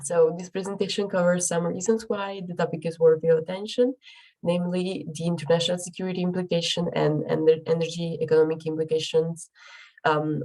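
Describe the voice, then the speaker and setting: Her voice deep and mellow, a young woman with a cold gives an academic presentation of her research, choosing her words carefully amid many ums and restarts. The recording is rough.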